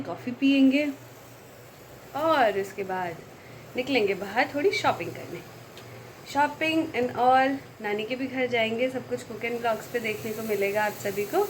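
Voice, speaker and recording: A young woman with a fairly high voice runs a casual home vlog. She chats straight to her viewers as she cooks and sometimes drops to a soft voice. A faint household hum sits behind her. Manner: chatty, talks to viewers directly; speaks softly at times to keep the house quiet. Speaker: vlogger.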